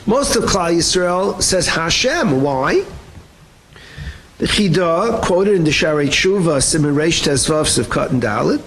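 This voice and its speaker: Brief: male rabbi giving a class, high and very expressive voice, light noise underneath. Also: unhurried, rough recording. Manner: animated, acts out quoted voices, mixes Hebrew terms into English. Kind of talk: lively Torah shiur.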